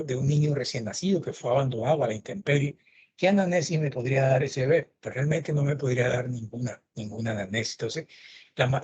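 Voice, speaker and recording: A man's voice: medium pitch, darkish tone. A middle-aged man gives a lecture, telling anecdotes and acting out the dialogue. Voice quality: very husky. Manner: storytelling, acting out quoted dialogue. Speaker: lecturer in forensic medicine.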